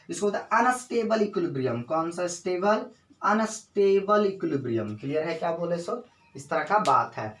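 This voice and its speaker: A male physics teacher gives a classroom lecture, firing questions at his students and answering them himself. He drags out key definitions slowly, word by word. His voice comes from some distance away and rings in an echoey room. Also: high-pitched, fairly bright tone, a little hiss or hum.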